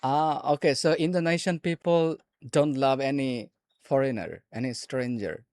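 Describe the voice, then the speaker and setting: A man's voice: medium pitch, normal speed, a little mellow, dry recording. A man with a Bangladeshi accent hosts a casual, joking video chat with a stranger. His tone is teasing, and he often repeats himself. The sound is dry and close, with no room in it. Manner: teasing, playful, with repeated phrases and laughs. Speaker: host.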